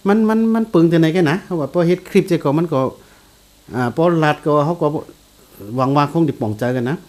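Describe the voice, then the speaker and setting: A man giving a casual guitar lesson, explaining slowly and repeating note names as he plays. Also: on the high side, expressive, darkish tone. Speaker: guitar teacher. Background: guitar played along.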